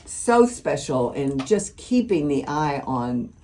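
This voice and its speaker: A woman co-hosting a casual talk show, opinionated and quick to jump in over others. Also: low-pitched, very animated, warm tone. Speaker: co-host. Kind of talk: casual chat.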